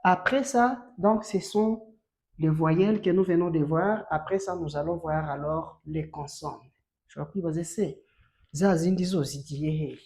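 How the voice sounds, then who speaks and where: A woman from Rwanda teaching a bilingual French lesson, slow and emphatic, stressing each letter she spells out. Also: low voice, mellow.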